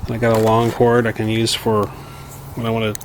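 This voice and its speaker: A man's voice: on the low side, monotone, a little fast. Rambling man vlogging in a noisy backyard. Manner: rambling, self-deprecating, thinking aloud. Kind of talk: casual unboxing and testing vlog. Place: backyard outdoors. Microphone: camera mic, then shotgun mic with windscreen. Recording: noisy outdoor camera recording.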